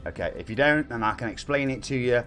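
Reading out viewer comments with a cheeky edge, this Englishman in his forties chats casually on a live stream in a Nottingham accent. He talks at a quick pace in a mid-range, slightly bright voice with lively intonation, and faint music sits behind him.

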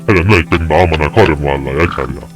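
A young man giving angry gameplay commentary, swearing and shouting at the game in a fury. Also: a bass voice, very fast, soft background music. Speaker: gaming YouTuber.

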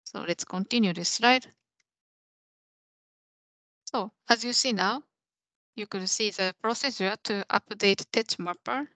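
A young woman demonstrates software live on a video call from a small indoor room, breaking things down step by step. She talks at a measured pace with frequent pauses in a mid-range, slightly bright voice. There's no echo, though the audio is rough.

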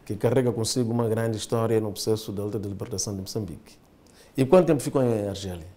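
A middle-aged man hosting a studio TV interview, asking measured, formally phrased questions. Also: on the low side, mellow.

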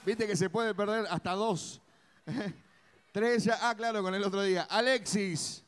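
Male Argentine festival co-host, high-pitched, relaxed pace, jokey crowd banter. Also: unhurried, smooth. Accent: Argentine Spanish. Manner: playful, teasing, chatty. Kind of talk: joking live stage banter. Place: outdoor festival stage.

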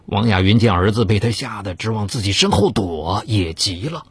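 Telling a dramatized true-crime tale, this man is theatrical and expressive, using pitch swings to heighten suspense. He speaks at normal speed with a breathy edge, and there's no echo.

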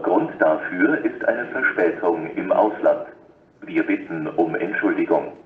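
A man reads a flat, formal, segmented scripted platform announcement as a railway station announcer. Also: low voice, a little slow. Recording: echoey, distant, dull station loudspeaker with noise.

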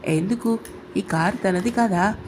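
A woman's voice: mid-range voice, unhurried, darkish tone, a little hiss or hum, close to an everyday voice. A woman voicing a prying, playful young man who teases his friend. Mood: teasing. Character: nosy, teasing young male friend.

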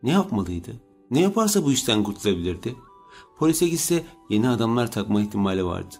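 A man narrating an audiobook in a steady, measured way. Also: lowish voice, faint music behind. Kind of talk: scripted narration.

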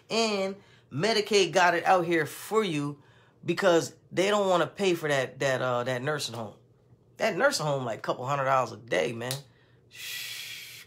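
A man's voice: on the high side, fairly bright tone. Laid-back man chatting on a live stream. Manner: laid-back, folksy, peppers talk with "man" and "you know what I mean". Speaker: in-home care guide and host of live stream. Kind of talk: casual live-stream chat to viewers.

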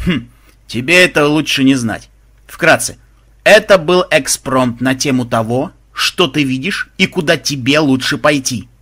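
A man voicing a calm, diplomatic male guardian angel watching over game players. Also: medium pitch, unhurried, husky.

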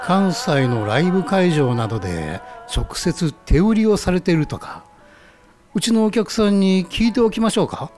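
In a scripted radio skit, a man plays a genial ramen stall owner who knows his music, explaining things politely in a friendly, informative mood. His voice is high-pitched, animated and darkish in tone, delivered at normal speed over faint background music.

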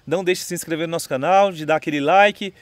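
A man's voice: a little high, fast talker, dry recording. A Brazilian man with a Brazilian Portuguese accent, teaching singing in a casual video lesson, chatty, often checking in with "entendeu?". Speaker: music teacher. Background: his own guitar playing.

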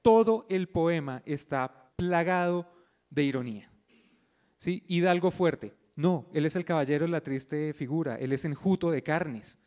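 A man giving an explanatory lecture before a concert, often pausing to check his listeners follow him. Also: a little high, a little mellow. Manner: didactic, checks in often with a questioning "yes?"; thinks aloud with fillers and restarts. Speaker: lecturer at a pre-concert talk.

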